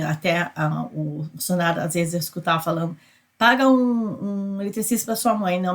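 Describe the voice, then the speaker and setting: A middle-aged woman with a Brazilian Portuguese accent, a psychoanalyst giving a conversational motivational talk, repeating herself and ending lines with tag questions. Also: lowish voice. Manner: repetitive, tag questions, many fillers. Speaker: psychoanalyst and spiritual speaker.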